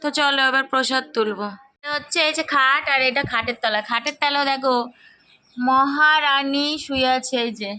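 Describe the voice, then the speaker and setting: Hoarse chatty woman vlogger. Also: high voice, quick pace, bright, forceful tone. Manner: chatty, keeps asking "okay?". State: hoarse, sore throat. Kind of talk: casual vlog chat to viewers.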